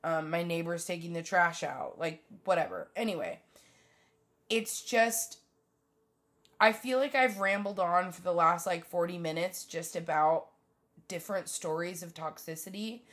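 A woman's voice: on the low side, a little slow, a bit bright. A young woman hosting a solo podcast from her bedroom, rambling bluntly and swearing often in a casual monologue. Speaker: podcast host.

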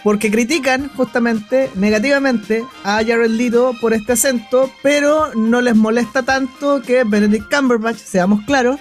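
Dude on a radio film show, makes his case calmly point by point, light music behind. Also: very high-pitched, normal speed, few pauses. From Chile. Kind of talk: casual film review chat.

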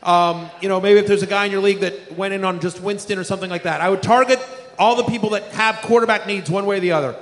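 Man, high voice, playful, rambling, live podcast host, hall reverb. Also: quick pace. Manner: playful, rambling, self-mocking. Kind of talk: live podcast banter before an audience. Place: large live music venue with audience.

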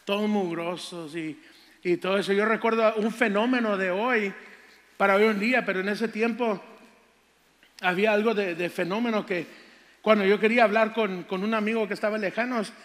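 An older man preaches, stretching out scripture with fervor before drifting into folksy childhood stories. His voice sits high for a man. The church hall around him rings with long reverb. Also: steady tone, fairly bright tone. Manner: fervent, drawn-out scripture reading, folksy storytelling. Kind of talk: sermon testimony.

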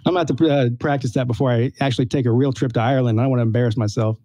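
A man's voice: mid-range voice, fairly even intonation, rapid-fire, mellow, no echo. A man co-hosting a casual sports podcast, easygoing and upbeat as he talks about an upcoming game. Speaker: podcast co-host.

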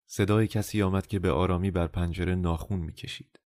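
Deep-voiced man narrating an audiobook. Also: fairly even intonation, a little mellow, no echo, clean studio sound.

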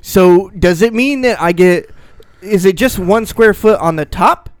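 A man co-hosting a casual podcast, with a high voice. His banter is loose, joking and crude. The sound is dry and close, with no room behind him. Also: measured pace, dry recording. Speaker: podcast co-host. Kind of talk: casual chat.

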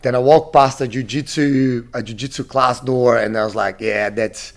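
A man's voice: medium pitch, steady tone, moderate pace. Man, from Brazil, thirties, gym owner guest, casual interview, hesitant, many fillers.

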